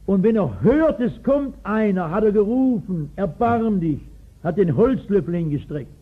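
This husky, high-sitting voice belongs to a pastor in his sixties, speaking at a moderate pace and very animatedly. Captured on a tinny 1960s recording, he emphatically narrates a Bible story in a sermon and frequently questions his audience.

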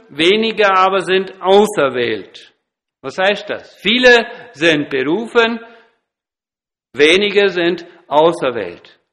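Slow, bright-voiced male preacher. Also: on the high side. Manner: deliberate, explanatory, stresses key words. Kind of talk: sermon teaching on scripture.

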